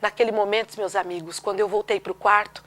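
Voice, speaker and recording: A woman's voice: medium pitch, steady tone, quick pace, a bit bright. A Brazilian woman with a Brazilian Portuguese accent, giving a dramatic preached testimony full of rhetorical questions.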